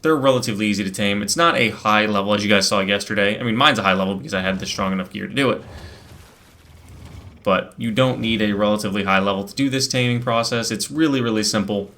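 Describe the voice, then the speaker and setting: A man with a somewhat low voice talks through his game session in a relaxed, chatty way. He explains each step as he plays, with plenty of fillers and restarts, into a desk microphone at his computer. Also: fast. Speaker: gameplay video host. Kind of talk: casual gameplay commentary.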